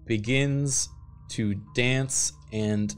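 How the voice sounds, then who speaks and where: A man streaming live, slowly narrating a role-play adventure and often breaking into laughter. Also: medium pitch, fairly even intonation, over loud music. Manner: slow, halting narration broken by laughter. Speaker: streamer running an AI-built adventure.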